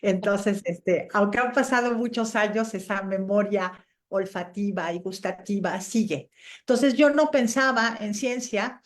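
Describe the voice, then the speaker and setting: A middle-aged woman from Chile and Mexico, a scientist being interviewed, answers casually and shares anecdotes. Her mid-range voice keeps a fairly even intonation at a measured pace.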